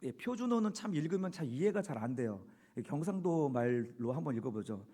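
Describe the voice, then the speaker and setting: A man preaching a Sunday sermon as senior pastor, earnestly leading his congregation in reading aloud and moving between soft low asides and loud emphatic peaks. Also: sing-song, fairly quick, husky. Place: church sanctuary.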